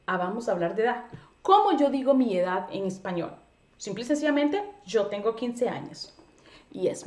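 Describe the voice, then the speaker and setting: Brief: woman from Latin America, English teacher, fairly high voice, echoey room, quizzes herself. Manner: lively, asks and answers her own questions; slows down to spell out English examples. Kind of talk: casual video lesson.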